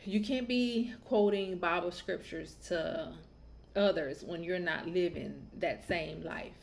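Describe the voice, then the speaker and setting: A woman's voice: lowish voice, slow, creaky. A woman raised in the Southern United States, hosting a podcast and telling a family story in a candid, opinionated, chatty way. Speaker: podcast host. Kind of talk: casual podcast monologue.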